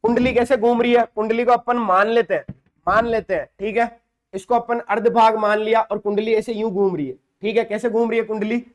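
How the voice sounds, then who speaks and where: In a high voice with fairly even intonation and a fairly quick pace, a man walks a classroom through physics step by step. He poses questions and answers them himself, addressing the students as "beta".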